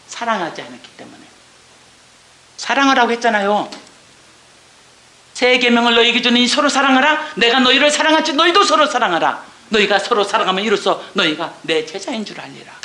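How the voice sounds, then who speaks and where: Bright, lively woman giving testimony. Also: on the high side. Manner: animated, asks and answers her own questions; drops to a hushed whisper when reading verses. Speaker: church deacon giving testimony. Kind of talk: emotional church testimony.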